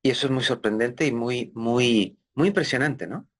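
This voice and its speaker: A man's voice: mid-range voice, moderate pace, fairly bright tone, slightly rough. A man hosting an interview, summing up his guest's story in a reflective, affirming way. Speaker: host.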